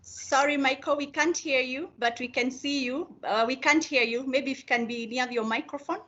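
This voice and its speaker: A woman's voice: high voice, fairly even intonation, moderate pace, a bit bright. A woman hosting a video meeting, polite and hesitant, with frequent fillers. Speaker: meeting host. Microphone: video call. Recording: slightly dull video-call audio.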